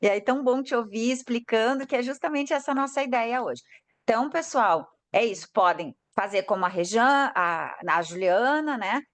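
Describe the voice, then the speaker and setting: A woman's voice: a little high, expressive, moderate pace. A woman hosting an online workshop, talking informally and encouraging the participants. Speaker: workshop host. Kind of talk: casual hosting on a video call. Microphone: video call.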